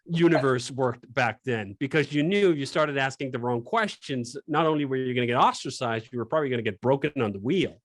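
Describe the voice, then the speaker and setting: Man, podcast guest, emphatic, opinionated, animated, mid-pitched voice, dry close sound. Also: a little fast, hardly any pauses, dry recording. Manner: emphatic, argumentative, animated storytelling. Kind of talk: opinionated conversation.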